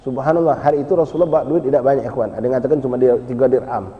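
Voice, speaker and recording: A man's voice: mid-range voice, fairly even intonation, rapid-fire. A man preaching in a mosque and telling stories animatedly, often calling out to the congregation. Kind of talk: sermon storytelling. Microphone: live-stream microphone. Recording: echoey lo-fi mosque hall.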